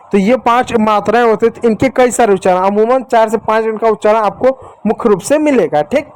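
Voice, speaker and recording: A man teaching young children letter sounds in a patient, repetitive way, slowly sounding out letters and speaking to the children directly and affectionately. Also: high-pitched, a little mellow, poor audio. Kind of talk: phonics lesson for young children.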